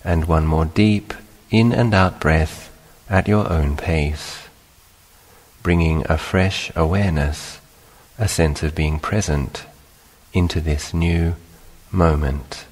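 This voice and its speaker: With a long, hall-like reverb around him, a monk and meditation teacher guides listeners in a very deep bass voice. His instructions come slowly and calmly, in short phrases separated by long pauses.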